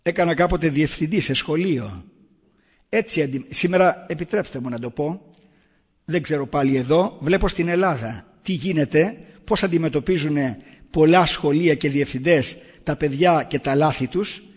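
A middle-aged man with a slightly high, breathy-edged voice speaks earnestly to an audience and presses his points with rhetorical questions. His voice rings with a long echo from a large hall, and the recording sounds dull and muffled. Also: lively intonation. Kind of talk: public talk on raising children.

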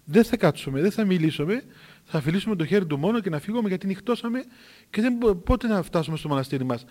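A man's voice: high voice, expressive, darkish tone. A man voicing an anxious elderly abbess who pleads to leave in a hurry, in a retold story. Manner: fretful, pleading.

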